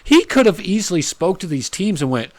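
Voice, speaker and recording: A man co-hosting a casual sports podcast, talking in a somewhat high voice. The recording is dry with no room sound, and he talks in an animated way, often backing up his partner. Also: brisk, dry recording. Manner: animated, chimes in with agreement. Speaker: podcast co-host. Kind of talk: casual chat.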